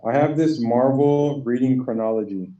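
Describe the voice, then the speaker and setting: A man co-hosting a casual podcast, lively and prone to repeating himself. His voice is dark and mellow and sits well back from the mic. The room is echoey and the sound is dull and lo-fi. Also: medium pitch, normal speed. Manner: animated, repeats phrases, laughs often. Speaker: podcast co-host. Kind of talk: casual chat. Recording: distant, roomy, dull lo-fi sound.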